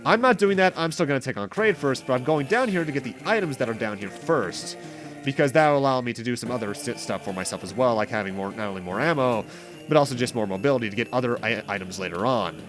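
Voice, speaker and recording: A man with a mid-range voice talks fast while hosting a video game playthrough series. His let's play commentary is casual and rambling, packed with explanations and self-corrections, and game music plays in the background.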